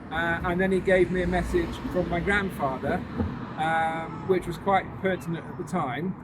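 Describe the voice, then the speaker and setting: A man's voice: high voice, steady tone, normal speed. A man guiding a ghost walk, telling anecdotes casually and hesitantly to a small group outdoors. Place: outdoors on a walking tour near a road. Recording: noisy outdoor recording with passing vehicles.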